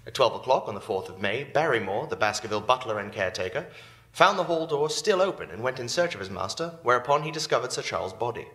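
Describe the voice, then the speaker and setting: An actor playing Dr. Watson, who narrates and explains the facts in a measured, formal way in a live radio play. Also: male voice, medium pitch, expressive, pushed and bright. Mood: briefing. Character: steady male doctor and narrator, Dr. Watson. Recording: roomy live stage sound with faint music.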